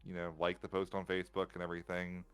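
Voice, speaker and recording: A man's voice: sits low, completely flat delivery, fast talker, a bit bright, clean tone, faint music behind. A man co-commentating a tournament stream from another time zone, chatty and rambling, with frequent restarts. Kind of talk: casual stream commentary chat.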